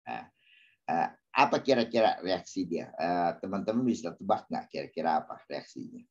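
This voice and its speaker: A man's voice: deep voice, big pitch swings, moderate pace, vocal fry. A man answering questions in a casual spiritual talk, hesitant with many fillers, asking his listeners questions. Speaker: speaker answering audience questions. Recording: dull lo-fi sound.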